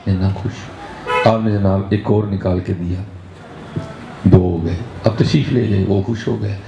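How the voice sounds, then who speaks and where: A man's voice: fairly low pitch, fairly even intonation, vocal fry, music in the background. A man with a Punjabi-inflected Urdu accent, preaching a sermon to a gathering and often checking in with a questioning "hain?". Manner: rhetorical, keeps checking in with the audience with a questioning "hain?"; switches into Punjabi for emphatic exhortation. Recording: echoey, slightly dull hall recording.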